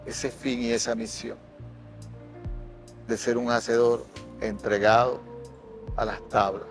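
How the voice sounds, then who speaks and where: A man in his sixties with a Maracaibo Venezuelan accent, an actor and director, gives personal testimony in an interview over soft background music. His medium-pitched voice holds a level tone and moves slowly, yet he speaks with passion and emphasis, often repeating phrases for effect.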